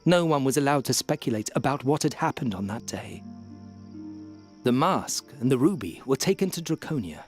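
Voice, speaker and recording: An actor playing a grave, sentimental old male storyteller who tells a tale in a solemn, measured way. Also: mid-range voice, sing-song, a little mellow, faint music behind, close to an everyday voice. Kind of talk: game voice acting.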